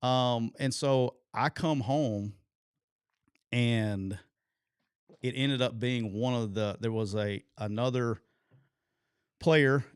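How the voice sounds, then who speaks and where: A man, telling a long, animated and profane story as a podcast co-host. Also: mid-range voice, slow pace, pauses often, clear, resonant tone, dry recording, clean studio sound. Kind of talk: casual storytelling chat.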